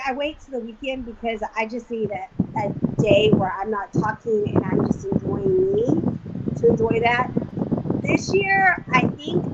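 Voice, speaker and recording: A woman in her forties co-hosts a casual online show, chatting candidly and animatedly with plenty of filler words and the occasional swear. Her voice is fairly high-pitched, and the audio sounds dull.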